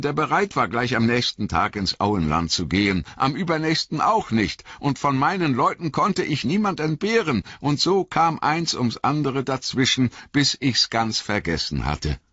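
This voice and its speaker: A man's voice: medium pitch, breathy edge, dry recording, pitched above the performer's own voice. A man voicing a chatty, flustered innkeeper in an audiobook reading, rambling and apologetic. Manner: rambling, apologetic, lively storytelling. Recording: dull lo-fi recording.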